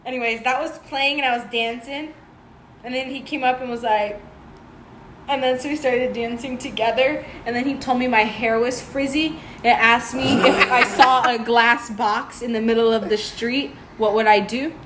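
A woman's voice: fairly high pitch, fairly even intonation, normal speed, fairly bright tone. A young woman co-hosting a casual podcast, telling a story with a lot of giggles and filler words. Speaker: podcast co-host. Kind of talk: casual chat. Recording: echoey room with noise.

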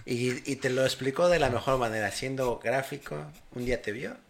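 Man, Mexican accent, podcast host, gravelly voice, reflective chat. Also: mid-range voice, normal speed. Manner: reflective, chatty, affirming. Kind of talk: casual conversation.

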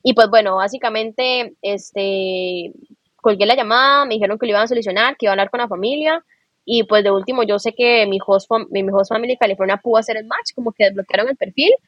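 A woman guest recounting her experience hesitantly, with many pauses and fillers. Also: medium pitch, fairly bright tone, dry recording, dull audio. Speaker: podcast guest. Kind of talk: personal storytelling.

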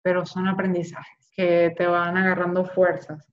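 A woman's voice: lowish voice, moderate pace. Candid Maracaibo woman telling her story. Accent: Maracaibo Venezuelan Spanish. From Zulia, Venezuela. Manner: candid and expressive, acting out quoted voices. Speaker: interviewee, journalist. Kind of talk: personal testimony in a conversational interview. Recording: slightly dull lo-fi sound.

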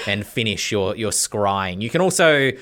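A man narrating a tabletop game as its game master, often pausing as he searches for words. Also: fairly low pitch, lively intonation, fairly bright tone. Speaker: game master and podcast host.

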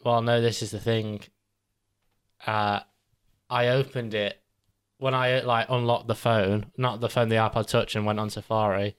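A man's voice: fairly low pitch, level tone, a little slow, clean tone. A young man, co-hosting a casual chat and rambling, swearing and laughing as he goes. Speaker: podcast co-host.

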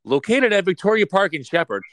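This podcast co-host has a high, sing-song voice with a brisk pace, a fairly bright tone, and a little hiss or hum in the audio. Joking through a casual chat, he playfully drops into an imitation of an ad announcer.

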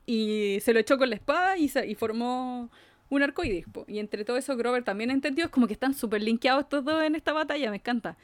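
A woman's voice: on the high side, fast talker, dry recording. A young woman with a Chilean accent hosting a podcast, retelling a story in casual chat with slangy asides. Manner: animated retelling with slangy asides and frequent laughter. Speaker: podcast host.

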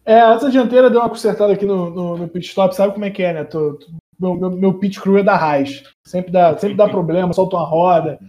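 Man, Brazilian accent, high voice, soft dark tone, slangy joking podcast chat. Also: brisk. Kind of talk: casual sports podcast chat.

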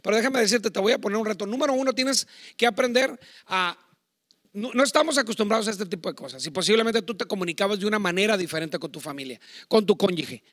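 Loud, bright-voiced Mexican preacher man. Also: high voice, expressive, fast, dry recording, studio quality. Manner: loud, self-admittedly talks shouting; chatty, digressive preaching with asides. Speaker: pastor. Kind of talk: sermon on marriage to online viewers.

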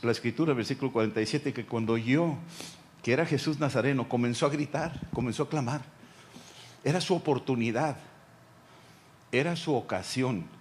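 A pastor preaching a sermon, speaking directly to the listener and acting out the voices of Bible figures. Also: male voice, medium pitch, slight background noise.

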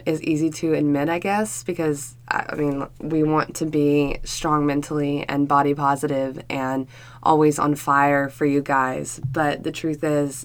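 Low-voiced woman with a sick voice. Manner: chatty, candid, many fillers. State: sick, hoarse voice. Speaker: podcast co-host. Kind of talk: casual chat.

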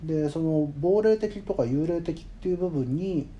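A man talking as a guest musician in an interview, thoughtful and measured, with frequent hedging fillers. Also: a little high, expressive, dark tone, muffled recording, a little hiss or hum. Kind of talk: reflective conversational interview.

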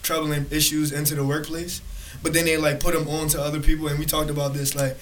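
Higher-voiced young man, slangy bro talk. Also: flat delivery, fast, a bit bright, slight background noise. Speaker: podcast co-host. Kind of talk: casual podcast chat. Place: studio.

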